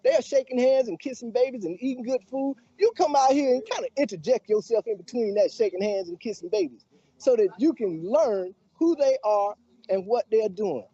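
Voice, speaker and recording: A man's voice: extremely high pitch, lively intonation, normal speed, mellow, husky, dry recording. A man promoting a community event live, calling out to passers-by in a preacherly way. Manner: preacherly, calls out to the crowd. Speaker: community organizer. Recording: dry, dull lo-fi sound.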